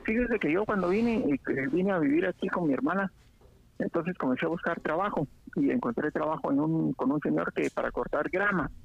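Guatemalan guy telling stories on a radio chat, gravelly and kinda high, muffled lo-fi sound. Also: expressive, fairly quick, no echo. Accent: Guatemalan Spanish. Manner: storytelling, reflective. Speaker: radio show co-host.

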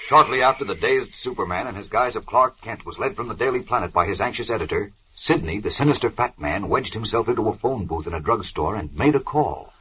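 A man's voice: fairly low pitch, animated, a little fast, few pauses, noisy background, close to an everyday voice. An American man narrating a 1940s radio serial as a melodramatic, suspense-building old-time announcer. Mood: suspenseful. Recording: dull vintage 1940s radio recording.

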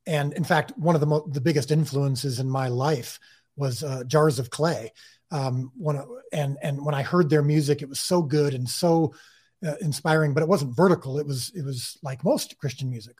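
A man with a husky, slightly high voice talks earnestly as an interview guest. He often restarts and repeats words mid-thought. His tone is casual but careful. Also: moderate pace, a little mellow. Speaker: creator of a faith-based TV series, interview guest.

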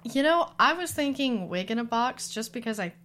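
A woman's voice: fairly high pitch, animated, moderate pace, a bit bright. A woman co-hosting a casual chat, joking and wry.

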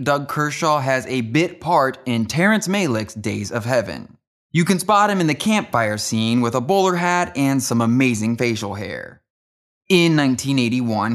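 Man narrating with dry wit. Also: medium pitch. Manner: dry, wry asides. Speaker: music history narrator. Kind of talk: scripted narration.

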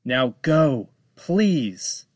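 A man's voice: medium pitch, big pitch swings, drawn-out words, no room sound, studio quality, pitched above the performer's own voice, exaggerated voice. A man voicing a curt, scheming woman pirate captain. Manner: short, clipped lines. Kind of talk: storybook read-aloud.

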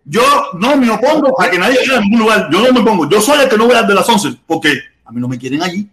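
A man with a Cuban accent hosting a live stream, talking in a casual, excitable way. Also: high-pitched, quick pace. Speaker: host.

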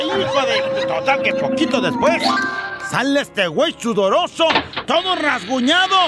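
Mexican guy telling jokes on the radio, high lively voice, loud music under him. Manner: animated storyteller, acts out quotes. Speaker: radio comedy host. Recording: loud music bed behind voice.

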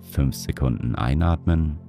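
A man's voice: a bass voice, unhurried, dark tone. A man guiding a breathing meditation, counting breaths in short, spaced words. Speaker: meditation guide. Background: music.

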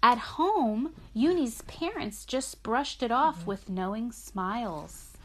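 A woman with a fairly high-pitched voice narrates a children's sleep story. She reads like a mother at bedtime, pausing to explain things in simple words and to encourage a young listener. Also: animated, a little hiss or hum. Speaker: mother reading a picture book aloud, host. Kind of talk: gentle sleep story narration and chat with her small child.

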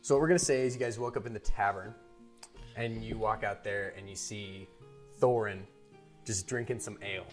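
A lower-voiced young man runs a tabletop game for his friends, recapping events and nudging players along in an easygoing way. Soft background music plays under his voice. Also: normal speed. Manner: recaps and prompts players casually. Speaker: dungeon master. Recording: music playing behind.

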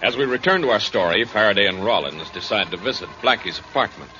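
A man announcing and recapping the story in an old-time radio drama, with a crisp announcer's delivery and an old radio show broadcast sound. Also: fairly low pitch, lively intonation, quick pace, sharp tone. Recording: dull lo-fi vintage radio recording.

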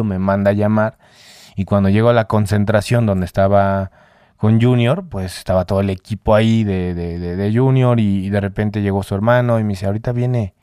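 A man in his forties, an actor, telling lively anecdotes in a casual interview. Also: smooth, dry recording, studio quality. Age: 40s. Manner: animated anecdotes, mimics others with a higher voice. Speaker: actor guest.

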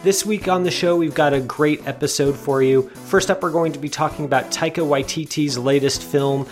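A man hosting a film podcast, reading a measured, articulate review with the odd restart. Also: on the high side, fairly even intonation, faint music behind. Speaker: podcast host.

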